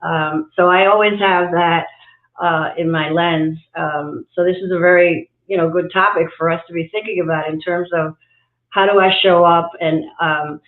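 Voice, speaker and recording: This executive coach, a woman who grew up in Cuba and New York City, speaks with a fairly low pitch, a steady tone and a moderate pace as a guest on a livestream interview. She is thoughtful yet heavy on fillers and restarts, recorded over an echoey, phone-like video call.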